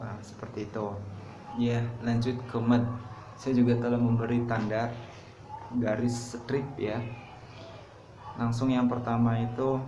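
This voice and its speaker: Slow gravelly man teaching Quran reading. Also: mid-range voice, a little mellow. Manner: patient, explains step by step, says "nah" often. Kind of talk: casual tajwid lesson with recited examples. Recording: roomy, dull lo-fi recording with faint noise.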